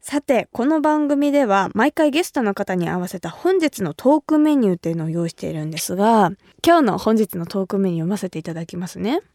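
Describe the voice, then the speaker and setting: A woman from Kumamoto hosting a casual radio interview, chatty and quick to laugh. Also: medium pitch, animated, no echo, clean studio sound. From Kumamoto, Japan. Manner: bright, chatty, laughs often. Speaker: radio host.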